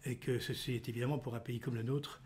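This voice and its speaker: A man's voice: mid-range voice, steady tone, quick pace, darkish tone, a little hiss or hum. An older man hosting an interview, asking long formal questions with hesitant fillers, recorded on a desk studio microphone in an office. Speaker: podcast host, politician. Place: indoor office.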